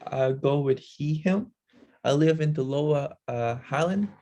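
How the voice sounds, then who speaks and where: A man's voice: fairly high pitch, a little slow, dark tone. A man casually introducing himself in an online meeting.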